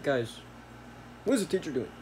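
A woman voicing a toy play-acting scene in a playful way. Her pitch is lively and swings widely, and faint noise sits behind her. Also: normal speed.

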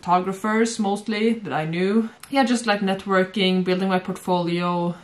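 In her mid-range voice, steady and moderately paced, a young Swedish former model shares casual stories as a guest about her modeling work. She's on a sofa in a bright room at home and keeps breaking into giggles.

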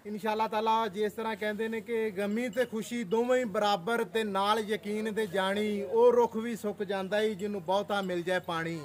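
A man with a Punjabi accent and a fairly high voice runs a live sale from an outdoor cattle yard, chatting along and dropping proverbs and pious phrases. There is no mic, so his voice comes through the camera's own audio with a faint hiss of outdoor noise behind. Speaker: host of an animal sales channel. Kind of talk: live on-site sales vlog. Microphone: no mic, camera audio only.

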